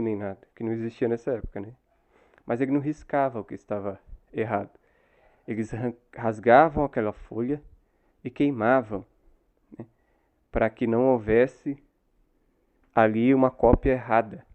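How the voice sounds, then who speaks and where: A man's voice: mid-range voice, lo-fi sound. A man with a Brazilian Portuguese accent giving a Bible lesson to new converts, explaining patiently and ending many phrases with a questioning tag. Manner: explanatory, tags phrases with frequent "né?". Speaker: church Bible teacher.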